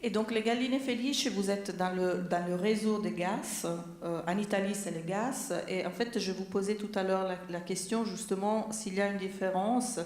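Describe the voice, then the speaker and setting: A woman's voice: mid-range voice, normal speed, hardly any pauses, darkish tone. Woman, mid-range voice, public discussion moderator, conversational, roomy echo. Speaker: moderator and interpreter. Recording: echoey room.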